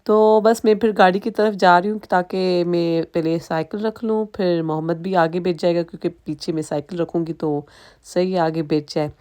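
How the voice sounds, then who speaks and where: A woman's voice: on the low side, fairly even intonation, darkish tone. A woman in her thirties, a native Sindhi speaker with a Sindhi accent, chatting casually and rambling through a home vlog. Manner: chatty, rambling, frequent restarts and asides. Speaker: vlogger.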